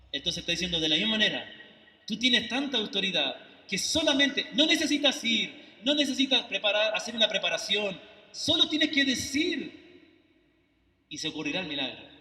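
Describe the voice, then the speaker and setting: A Chilean man, a missionary with a high voice and Chilean Spanish accent, preaches in a church sanctuary. He is earnest, emotional and pleading, often asking "do I make myself understood?" before rising to forceful rebuke. The echoey hall makes him sound far away.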